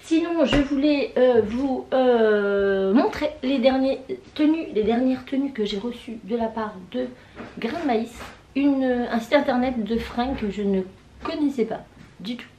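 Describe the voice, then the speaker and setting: Hoarse woman with a swollen-tonsils voice, echoey room. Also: on the high side, unhurried, warm tone, slight background noise. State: sick with tonsillitis, hoarse, voice mostly gone. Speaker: vlogger. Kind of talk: casual vlog chat. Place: indoors, bedroom. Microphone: camera on a tripod.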